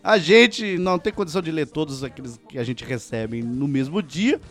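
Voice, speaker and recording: A man with a Brazilian Portuguese accent hosting a casual comedy podcast, loud and teasing, often breaking into laughter. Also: fairly high pitch, lively intonation, normal speed. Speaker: podcast host.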